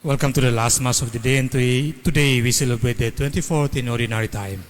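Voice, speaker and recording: A man with a Filipino accent, a priest presiding at Mass and intoning the prayers in a measured, solemn way, heard with cathedral echo. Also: medium pitch. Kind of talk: liturgical recitation. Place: large cathedral. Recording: long cathedral reverb, faint ambience.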